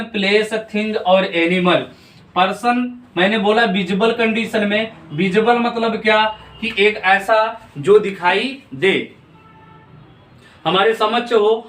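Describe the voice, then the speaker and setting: High-voiced teacher in an echoey room. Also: male voice, fairly bright tone. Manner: repeats questions to students and answers them himself; checks in often with "theek hai na". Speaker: English grammar teacher. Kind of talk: classroom-style video lesson. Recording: echoey room, mic at a distance.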